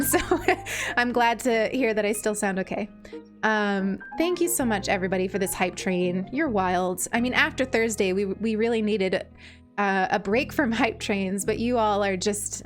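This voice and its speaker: A woman with a sweet, princess-like voice chatting casually on a game livestream, gushing affectionately as she thanks her viewers. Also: medium pitch.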